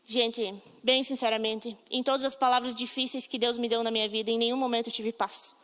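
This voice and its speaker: A woman's voice: fairly high pitch, little pitch movement, a little fast, fairly bright tone, in a large hall. A woman preaching a fervent sermon, acting out the people in her stories. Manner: fervent, acts out dialogue.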